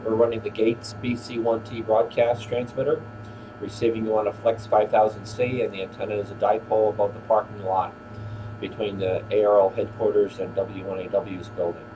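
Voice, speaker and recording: A man's voice: lowish voice, narrow, tinny audio. An older man hosting a ham radio exchange in a casual, courteous way, using radio procedure words. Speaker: radio operator hosting an on-air rally. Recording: clearly noisy, steady hum.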